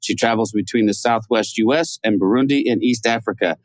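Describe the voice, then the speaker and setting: A man's voice: fairly low pitch, a little fast, dry recording. A man co-hosting a casual podcast interview, chatty and self-deprecating, with frequent stumbles and restarts. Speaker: podcast co-host.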